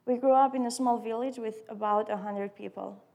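A woman's voice: a little high, steady tone, moderate pace, creaky, dark tone. A woman in her early twenties with an Albanian accent, a non-native English speaker reading her personal testimony aloud. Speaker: student sharing testimony.

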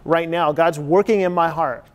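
Earnest high-voiced man preaching, hall reverb. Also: moderate pace. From Chile. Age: 40s. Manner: earnest, searching, conversational preaching with many rhetorical questions. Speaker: pastor. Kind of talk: sermon.

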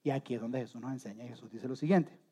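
A man preaching a sermon, telling the story in a lively way, acting out scenes with humor and asking listeners direct questions. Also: mid-range voice, rapid-fire, slightly rough.

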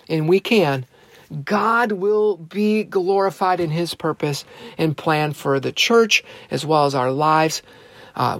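Delivering a sermon from the pulpit, this high-voiced pastor is earnest and forceful. He repeats phrases for effect and slows his delivery to lean on important words.

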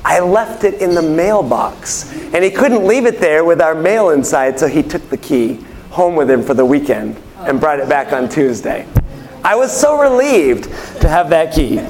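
High-voiced man preaching conversationally. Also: animated, moderate pace, darkish tone, soft background music. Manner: asks the congregation questions and repeats their answers; chatty storytelling. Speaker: pastor. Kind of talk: conversational sermon.

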